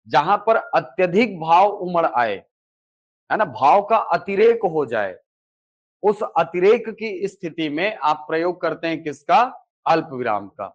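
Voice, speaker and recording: A male teacher giving a classroom lecture, asking questions and answering them himself, often checking in with "okay". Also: fairly high pitch. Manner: repeats key terms with "ठीक है". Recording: dull lo-fi recording.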